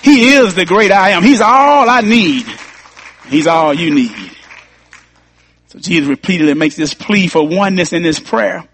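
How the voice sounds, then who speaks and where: A man's voice: on the high side, lively intonation, normal speed, a bit bright, some chatter behind, slight background noise. A man preaching a sermon as pastor, repeating key lines and rising to emphatic peaks.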